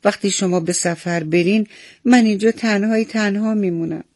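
A man's voice: high-pitched, fairly even intonation, darkish tone, no echo, studio quality, pitched above the performer's own voice. A man voicing a chubby, lazy young bird in a children's storybook tale. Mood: tearful. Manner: carefree, then sobbing and lonely.

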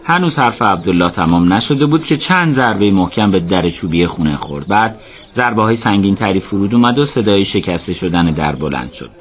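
A man narrating a radio drama in a steady, measured storytelling voice. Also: low-pitched.

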